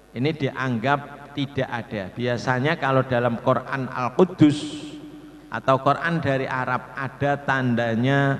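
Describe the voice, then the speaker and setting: Indonesian guy teaching quran reading, super slow and drawn out, big echoey hall. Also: mid-range voice. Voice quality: slow, drawn-out demonstration of Arabic sounds. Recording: echoey hall with long reverb.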